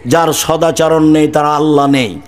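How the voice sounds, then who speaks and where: A middle-aged preacher from Bangladesh gives a fiery sermon in a high, ringing man's voice. He drives his points home hard and loud, then drops suddenly to low, quiet asides. His delivery stays declamatory and deliberately harsh. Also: steady tone. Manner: says he speaks harshly on purpose. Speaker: Islamic preacher.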